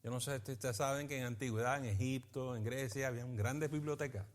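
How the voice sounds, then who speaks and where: A man, a pastor teaching a Bible study in a lively preaching manner, often asking his listeners for agreement. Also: medium pitch, fast. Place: church meeting in a school building.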